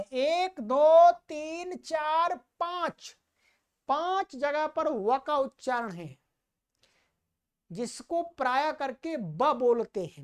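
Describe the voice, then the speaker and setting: एक महिला शिक्षिका जो मंत्र धीरे-धीरे उच्चारण करके सिखाती है और बीच में जल्दी-जल्दी समझाती है।. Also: female voice, sits high. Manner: chants slowly and loudly, then explains quickly. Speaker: teacher of Vedic mantra pronunciation. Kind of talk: recitation lesson.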